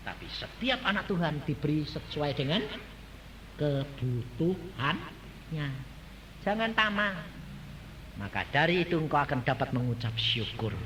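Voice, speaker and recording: A man's voice: fairly high pitch, noisy background. A male evangelist preaching a sermon, telling stories with playful laughing asides and quizzing the congregation. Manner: animated storytelling, quizzing the congregation.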